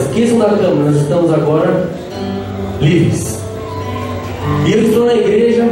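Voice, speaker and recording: At a live event in a large, echoey prayer-group hall, music plays behind a Brazilian lay preacher in his thirties delivering a charismatic sermon. Speaking with a Brazilian Portuguese accent in a high voice picked up from afar, he is lively and playful, joking with the crowd and calling out for their responses.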